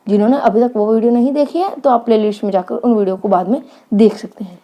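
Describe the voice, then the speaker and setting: A woman teaches an online lecture in a warm, mellow voice that sits a little high. She reads English phrases out slowly, then explains each one in turn.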